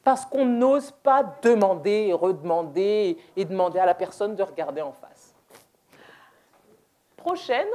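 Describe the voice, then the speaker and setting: A woman presenting a deaf ministry workshop in a church, playful and quick to laugh, with hesitant restarts. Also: medium pitch, sing-song, darkish tone. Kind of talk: interactive church workshop talk. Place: church hall, indoors.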